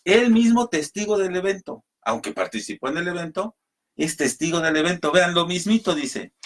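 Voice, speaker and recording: A man teaches a Bible study over the radio, patient and explanatory. His voice sits somewhat high for a man. He reads passages of scripture aloud and addresses his listeners as brothers. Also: expressive, moderate pace. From Mexico.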